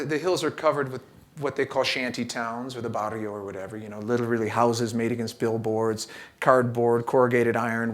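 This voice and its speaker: Middle-aged male keynote speaker, easygoing and wry, storyteller who leans on "uh" and "so" between thoughts, mid-range voice. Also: mid-range voice. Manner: relaxed, joking, storytelling with frequent fillers. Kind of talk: conversational keynote talk with storytelling. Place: church event space.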